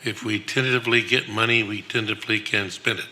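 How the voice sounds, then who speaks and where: A man's voice: on the low side, fairly even intonation, fast talker, bright, forceful tone. A man introducing a budget item at a board meeting, with brief dry jokes. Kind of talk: meeting remarks.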